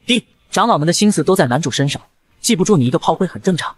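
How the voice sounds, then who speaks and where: A blunt, snarky guide system that talks in the hero's head, voiced by a man narrating a manga recap. The voice is quick and fairly high, recorded close and dry. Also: animated, slight background noise, natural voice. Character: snarky male guide system, a talking program.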